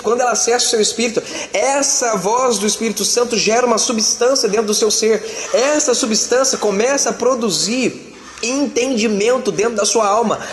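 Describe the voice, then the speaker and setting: A man's voice: very high voice, slight background noise. A man preaching a sermon as a pastor, emphatic and colloquial, talking straight to his listeners. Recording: echoey hall with reverb and faint ambience.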